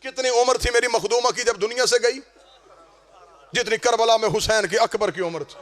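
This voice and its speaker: A man with a Punjabi-influenced Urdu accent preaching a mourning sermon in a mosque hall, chanting and rising into sung, shouted lament. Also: extremely high pitch, normal speed. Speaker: Shia preacher. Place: mosque hall before a congregation.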